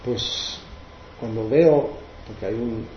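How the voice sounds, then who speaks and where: A man's voice: mid-range voice, slow, a little hiss or hum. Male spiritual teacher, hesitant explainer, roomy dull recording. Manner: hesitant, many restarts, explaining verses. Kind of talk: devotional class with questions.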